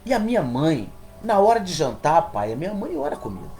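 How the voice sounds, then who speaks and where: A man voicing a seven-year-old boy who softly pleads with his father in a sermon story. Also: a little high, big pitch swings, a little fast, soft background music. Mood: pleading.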